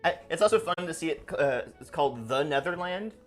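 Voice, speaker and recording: A man's voice: a little high, animated, a little fast, a bit bright, soft background music. A man helping as sous chef on a home cooking stream, tossing off wry, laid-back asides in the kitchen. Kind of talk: casual cooking stream banter.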